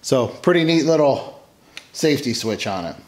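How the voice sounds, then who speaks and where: A man's voice: medium pitch, animated, moderate pace, heavy background noise. A middle-aged man casually showing a benchtop tool in his home garage workshop, explaining plainly and correcting himself as he goes. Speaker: homesteading channel host. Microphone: camera mic off-screen, hands in frame.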